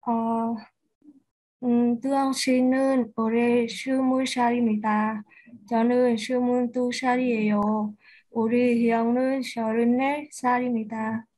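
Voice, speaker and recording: A woman student reading aloud haltingly in an online class. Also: a little high, little pitch movement, dark tone, low-quality recording.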